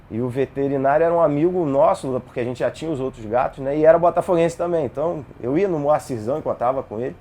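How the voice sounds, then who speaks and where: A man, telling lively personal stories in a casual interview. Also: mid-range voice. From Brazil. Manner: animated, acts out dialogue in his stories.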